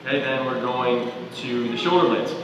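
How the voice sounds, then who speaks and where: Male movement coach, calm guided body-scan cues, distant mic, roomy reverb. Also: medium pitch, normal speed, noisy background. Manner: calm, questioning, step-by-step cues. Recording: echoey roomy sound from far off.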